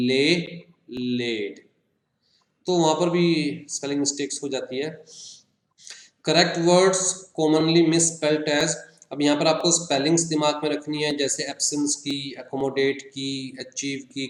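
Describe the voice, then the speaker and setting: A man with an Indian accent teaching an exam-prep lesson, drawing out example words slowly and checking in with listeners. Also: fairly high pitch, echoey room. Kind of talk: exam-prep lecture in Hindi-English mix.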